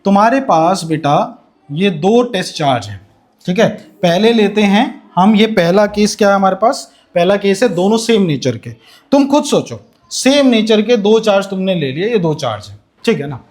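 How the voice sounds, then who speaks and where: High-pitched man, physics lecture, asks students questions, answers them himself, dictates slowly. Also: animated, darkish tone. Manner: slows down to dictate notes in English. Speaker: physics teacher. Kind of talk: classroom lecture with animation.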